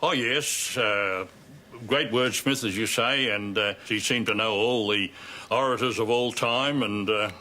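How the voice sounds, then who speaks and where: Hesitant older man, bright voice. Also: on the low side, measured pace. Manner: hesitant, many fillers.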